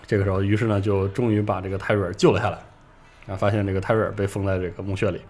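A man's voice: low-pitched, flat delivery, rapid-fire, darkish tone, soft background music. A man hosting a podcast, casually retelling a game's story in a rambling way with many fillers. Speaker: podcast host recounting game lore.

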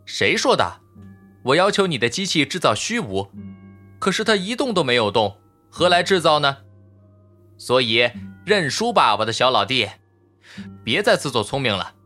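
A man's voice: mid-range voice, very animated, moderate pace, pauses often, pushed and bright, soft background music. An actor playing a smug, argumentative male robot constructor in an audiobook, with a needling, lecturing tone. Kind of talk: audiobook character voice.

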